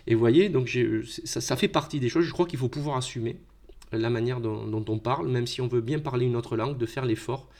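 A man's voice: mid-range voice, fairly quick, darkish tone. A middle-aged French man hosting an improvised solo podcast, thinking aloud with many fillers and repeated words. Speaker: podcast host.

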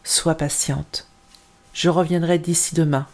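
A woman reading a story and voicing a protective mother in a low, grave, slow voice. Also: fairly even intonation. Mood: calming.

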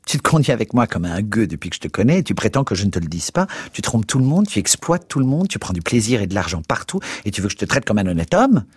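A man reading aloud, voicing a furious, betrayed woman who hurls shrill accusations at her lover. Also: husky, dry recording, studio quality, full character voice. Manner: shrill accusing outbursts, fast and raised.

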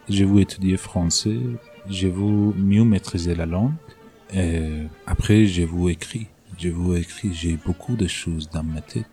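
A young man speaking haltingly about his life, with many restarts and fillers. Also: low-pitched, mellow. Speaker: interviewee. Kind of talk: casual personal talk in halting French.

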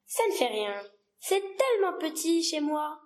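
A woman's voice: high-pitched, expressive, takes it slowly. A woman reading the part of a small, curious boy prince in a storybook reading, earnest and insistent. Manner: earnest, insistent, childlike questioning. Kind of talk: read-aloud storybook dialogue.

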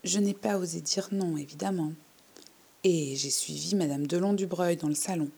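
A bashful, painfully polite little girl tells her tale in a hushed storybook voice, as a woman reads it. Her tone is husky and slightly gravelly, with a dark, mellow edge. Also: on the low side, moderate pace. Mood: earnest. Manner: timid, hushed storytelling in first person. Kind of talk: storybook reading.

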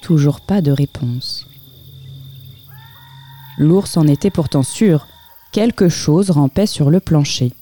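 A woman reading a children's picture book aloud as storyteller, with expressive, lively storytelling in a close, dry room. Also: deep voice, slow, long pauses.

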